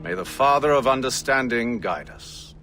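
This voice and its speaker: Solemn templar boss in a game cutscene, ceremonial and formal, bright firm voice, music under it. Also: male voice, medium pitch, lively intonation. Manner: formal, grave, measured. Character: solemn male Templar grand master leading an initiation oath.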